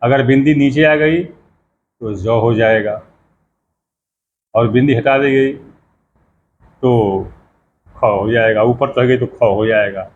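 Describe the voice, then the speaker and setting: Pandit slowly spelling out sounds. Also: male voice, mid-range voice. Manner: explanatory, repeats key sounds slowly, asks rhetorical questions. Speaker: pandit teaching mantra pronunciation. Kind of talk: spoken lesson to camera. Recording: slightly dull lo-fi sound, faint background noise.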